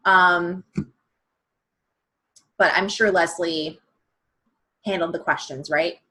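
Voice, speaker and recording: Give me a chatty woman coaching on a video call, with a hoarse, worn-out voice and a frank way of talking. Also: lowish voice, fairly even intonation, takes it slowly, pushed and bright. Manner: chatty, frank, acts out prospects' lines. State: losing her voice. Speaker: presenter of a sales training call. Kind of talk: casual coaching talk.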